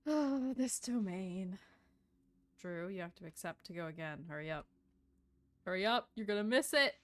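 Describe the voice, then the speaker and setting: Over video game music and character voices, a woman streams her gameplay live, offering relaxed, rambling commentary and casual chat. She speaks at normal speed in an animated, mid-range voice.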